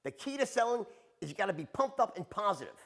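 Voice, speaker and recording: A man's voice: high-pitched, very animated, quick pace, vocal fry, fairly bright tone, pitched above the performer's own voice, exaggerated voice. A man puts on a pumped-up door-to-door salesman mentor, upbeat and insistent as he coaches a rookie. His voice is raised and swings widely with energy. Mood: coaching.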